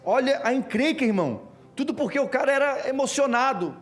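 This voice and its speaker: A man's voice: very high-pitched, animated, a little fast, a bit bright. Male pastor reading scripture. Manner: explanatory, reads verses then comments. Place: church stage before a congregation.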